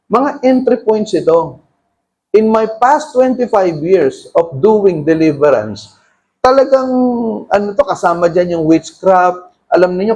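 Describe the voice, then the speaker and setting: A middle-aged man with a Filipino accent delivers a sermon, moving freely between Tagalog and English. His voice sits high for a man, and he punches key words with sudden raised bursts of emphasis. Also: darkish tone, poor audio. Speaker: pastor.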